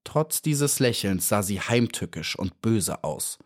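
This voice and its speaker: A man narrating an audiobook of a children's story in a calm, measured storytelling manner. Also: on the low side.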